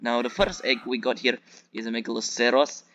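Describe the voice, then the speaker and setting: Speaking a little fast with a steady, fairly bright, medium-pitched voice, a Russian YouTube game reviewer offers casual, rambling commentary in his Russian accent, often repeating himself. There's slight background noise, and the dull lo-fi mic carries music behind him.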